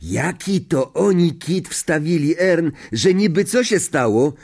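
A man voicing a loud, excitable young bus conductor who gossips in slang for an audiobook. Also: on the high side, takes it slowly, creaky, husky, voice pushed up, heavily acted. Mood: boisterous gossip. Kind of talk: audiobook character voice.

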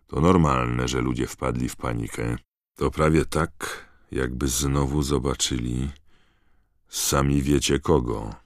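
Man reading as a worn-out dad, clipped and impatient, deep gravelly voice lifted a bit, storybook. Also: fairly even intonation, no echo, studio quality, heavily acted. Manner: brisk, clipped. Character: middle-aged father, tired, curt, impatient.

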